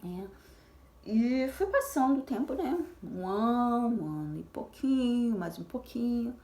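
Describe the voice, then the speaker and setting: A woman's voice: fairly high pitch, expressive, a little slow, a little mellow. A woman sharing her story as a mother of twins in a casual personal vlog, talking in a chatty way with many fillers and restarts. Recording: echoey room.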